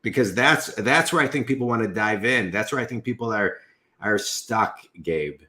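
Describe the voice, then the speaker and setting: A man around fifty hosts a business podcast in a casual, wandering way. His voice is somewhat low. He fills his thoughts with "you know" and "um" as he circles toward his questions. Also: expressive, moderate pace, bright, forceful tone. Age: 50s. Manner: rambling, many fillers like you know. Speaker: podcast host and business coach. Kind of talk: casual interview chat.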